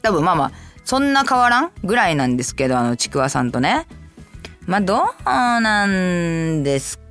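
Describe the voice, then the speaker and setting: Woman host from Kansai, light Kansai accent, casual solo radio talk, animated pitch leaps, faint music bed. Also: moderate pace. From Kansai, Japan. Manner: chatty, animated, jumps to high playful asides. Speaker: radio show host reading listener letters.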